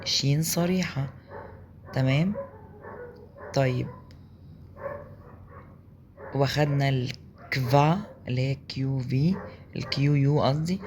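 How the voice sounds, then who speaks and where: A man's voice: fairly high pitch, noisy background. A man with an Egyptian Arabic accent teaching German pronunciation, patiently repeating each sound and checking in with his listeners. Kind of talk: explaining pronunciation in a lesson.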